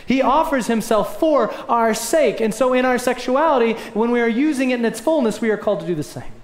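A young man delivers a sermon from a lectern, earnest and emphatic, pressing his points with rising swells. His voice sits fairly high for a man. The sound rings around a roomy church sanctuary. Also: animated, a little fast. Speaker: pastor. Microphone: lectern mic. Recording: echoey church room.

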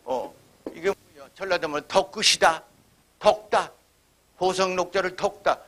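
A man lecturing on history at a forum, his voice pitched high for a man and bright in tone. He speaks emphatically and slips into imitated dialect phrases to make his points. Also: measured pace.

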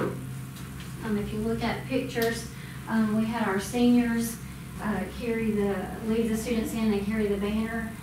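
A middle-aged woman from the school department gives a casual, informal report at a public school board meeting, her slightly high voice full of ums. A distant room mic picks her up as she stands, so the recording is far-off, echoey, and noisy.

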